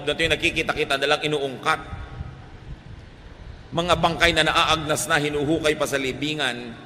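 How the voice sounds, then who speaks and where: A middle-aged Filipino man preaching a sermon, shifting between Tagalog and English and swinging from loud emphasis to soft, quiet lines. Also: fairly high pitch, a little hiss or hum. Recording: reverberant hall, faint ambience.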